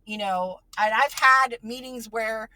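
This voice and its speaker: A woman's voice: fairly high pitch, slow pace, sharp tone. A woman hosting a podcast and talking about her child, earnest and emotional, full of fillers and restarts. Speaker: podcast host and parent. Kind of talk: casual conversation.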